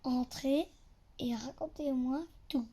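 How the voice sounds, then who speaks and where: A man voicing a kindly older gentleman in a soft whisper, as whispered role-play. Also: very high voice, fairly even intonation, slow pace, heavily acted.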